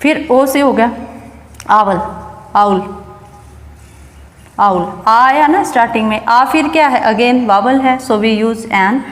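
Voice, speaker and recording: Explaining English grammar one step at a time, a woman asks questions and then supplies the answers. She speaks slowly in a fairly high voice, leaving long pauses, and the room echoes with a long reverb.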